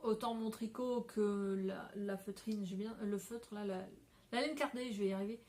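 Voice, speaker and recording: A woman's voice: medium pitch, steady tone, normal speed, a little mellow. Chatty woman vlogging about crafts. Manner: chatty, rambling, laughs often. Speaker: craft podcaster. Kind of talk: casual chat to camera. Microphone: phone camera.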